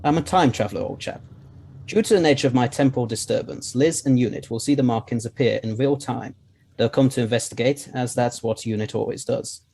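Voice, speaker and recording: In an audio drama, a man plays an eccentric, confident time-travelling gentleman scientist, courteous and explanatory with old-fashioned phrasing. His medium-pitched voice is husky with vocal fry, and he speaks a little fast.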